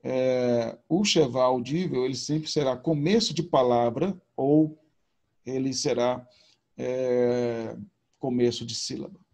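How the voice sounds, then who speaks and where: A man's voice: mid-range voice, takes it slowly, darkish tone. A man teaching a recorded video lesson, explaining patiently and informally with repetition. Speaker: Hebrew teacher.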